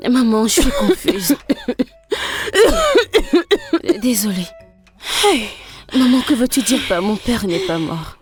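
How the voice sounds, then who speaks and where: An anxious, pleading young daughter in a dubbed film. Her voice sits high and moves a lot. Soft music runs underneath. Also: lively intonation, takes it slowly, pauses often. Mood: worried. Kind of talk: French film dub.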